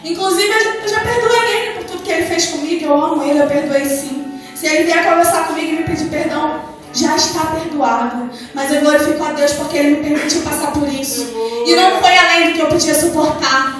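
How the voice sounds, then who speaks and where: A woman's voice: high voice, brisk, soft background music. A young Brazilian woman with a Brazilian accent preaching her testimony in church, telling her story with passion and quoting her prayers. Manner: impassioned, storytelling with quoted prayers. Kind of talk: testimony sermon. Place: church service hall. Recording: very echoey hall from far off.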